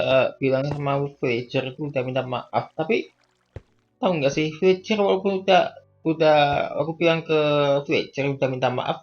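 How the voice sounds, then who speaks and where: A man with a somewhat high voice performs every part in a Minecraft role-play skit himself. He trades lines fast and flares into excited shouting. The audio is muffled and low in fidelity, with soft music running behind him. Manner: quick back-and-forth, jumps between characters, bursts of excited shouting. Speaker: content creator voicing all characters. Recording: dull lo-fi audio with faint background music.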